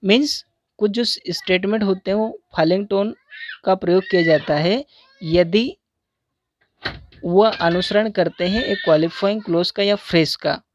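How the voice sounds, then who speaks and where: A man with an Indian English accent teaches a recorded lesson in Hindi on English intonation, reading the English example sentences slowly and deliberately. His voice sits high, and the sound is lo-fi.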